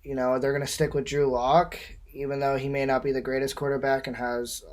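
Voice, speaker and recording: A man co-hosting a casual sports podcast, with an even delivery. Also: medium pitch, fairly quick.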